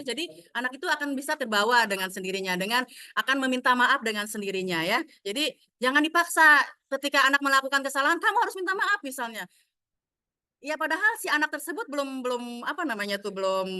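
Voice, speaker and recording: Bright-voiced woman teacher explaining. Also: sits high, no room sound, clean studio sound. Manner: acts out quoted scolding lines from parents and children; explanatory, addresses listeners directly. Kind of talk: explaining a training module to fellow teachers.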